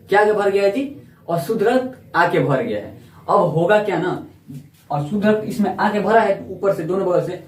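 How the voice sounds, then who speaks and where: A man's voice: fairly high pitch, darkish tone. A man teaching a biology lesson, repeating each term and quizzing the listener as he goes. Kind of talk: classroom lesson. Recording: echoey room, voice from far off.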